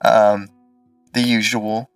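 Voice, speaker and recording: Male tabletop game master: hesitant, unhurried, fry-edged, close and dry. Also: on the low side, little pitch movement, dry recording, distant mic, soft background music. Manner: hesitant, halting delivery. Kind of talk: improvised tabletop game narration.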